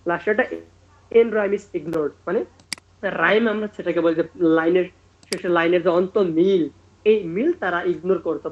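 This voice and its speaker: Guy tutoring a class over a video call, muffled call sound, reads slow then explains with lots of umms. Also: high-pitched. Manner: explains slowly with many fillers, reads out English points then explains them. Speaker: literature tutor. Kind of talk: online class lecture.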